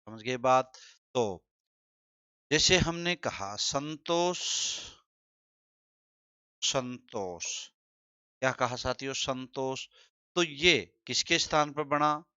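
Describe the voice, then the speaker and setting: A man's voice: medium pitch, bright, forceful tone, smooth, no echo. A man teaching a Hindi grammar lesson, repeating key terms and quizzing his listeners. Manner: drawn-out, deliberate delivery. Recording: slightly dull, dry sound.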